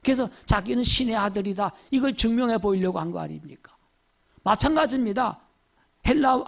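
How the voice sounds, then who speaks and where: High-pitched gravelly Korean pastor. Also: male voice. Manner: animated storytelling, rhetorical questions. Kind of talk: sermon.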